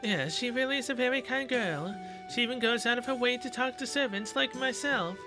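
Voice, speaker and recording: A man's voice: extremely high pitch, a little fast, over music. A man doing a polite young servant woman. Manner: soft-spoken, courteous, slightly nervous.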